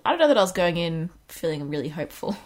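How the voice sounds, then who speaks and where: A woman's voice: on the low side, sing-song, fast talker. A woman with an Australian accent and a slightly phlegmy, under-the-weather voice, co-hosting a casual chat with dry humour. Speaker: podcast host.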